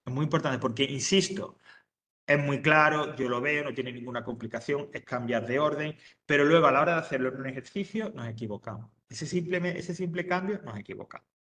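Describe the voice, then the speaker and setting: A man teaching an English grammar lesson, explaining step by step and reading example sentences slowly. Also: mid-range voice, pushed and bright. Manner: explains step by step, checks understanding with frequent "¿vale?" and "¿ok?". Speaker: adult education English teacher. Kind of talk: recorded online English lesson.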